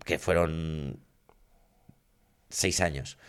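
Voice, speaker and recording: A man co-hosting a casual comedy podcast, animated and teasing, often trailing off into mumbles. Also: a bass voice, very slow, clear, resonant tone. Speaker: podcast co-host.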